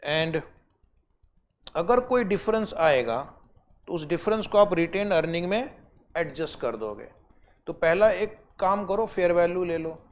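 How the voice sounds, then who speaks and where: A man's voice: sits high, expressive. Man giving an exam revision lecture. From India. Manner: explains step by step, slows down to dictate definitions; asks students rhetorical questions. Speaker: accounting lecturer.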